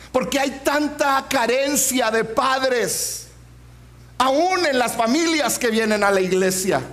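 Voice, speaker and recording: Man preacher, 40s, very high voice, humorous storyteller. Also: fairly bright tone. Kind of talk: sermon with personal story.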